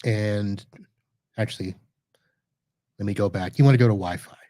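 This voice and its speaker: Sitting at his computer, a man who hosts a podcast reviewing network gear narrates a live screen-share demo in a lowish, mellow voice at a moderate pace. Chatty and loose, he thinks aloud as he clicks and frequently fixes himself mid-sentence. The audio is close and dry, free of room echo.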